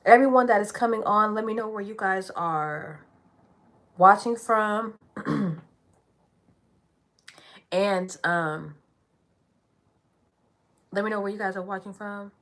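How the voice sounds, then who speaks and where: A woman in her thirties hosting a casual live stream, greeting viewers, reading out their comments and clearing her throat often. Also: mid-range voice, slow, long pauses, fairly bright tone. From California. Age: 30s.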